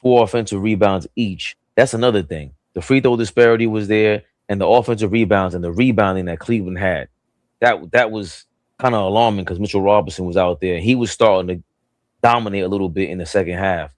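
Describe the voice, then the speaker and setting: A man's voice: fairly low pitch, a little fast, no room sound. A man hosting a casual sports talk show, breaking down a game and teasing his co-hosts. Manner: animated, teasing, rising when excited.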